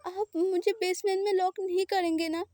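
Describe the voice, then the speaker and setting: A woman's voice: very high voice, flat delivery, measured pace, warm tone, no echo, pitched above the performer's own voice. A woman voicing a frightened, tearful young woman who pleads in a crying voice. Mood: tearful, pleading. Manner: sobbing, pleading voice.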